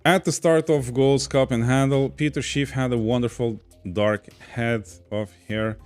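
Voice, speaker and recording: A man from Portugal hosts a casual livestream in a Portuguese accent, reading comments from viewers aloud, chatting freely and laughing easily as a podcast host reading chat. His mid-range voice is clear, resonant, and a little mellow, with fairly even intonation and a slightly slow pace. Soft background music plays.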